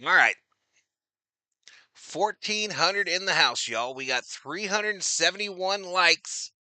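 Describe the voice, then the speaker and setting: Male stream host calling baseball plays and greeting chat, tense bright tone, dead-dry mic. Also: high voice, expressive, slow, no echo. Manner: chatty, reads out viewer names, loud on big plays. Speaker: streamer doing play-by-play. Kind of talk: casual live-stream baseball commentary.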